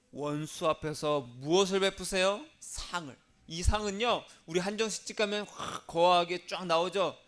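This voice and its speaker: A man's voice: on the high side, fairly bright tone. A man preaching a sermon as pastor, leading the congregation to repeat lines and dropping to a whisper at times. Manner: call-and-response preaching, drops to whispers.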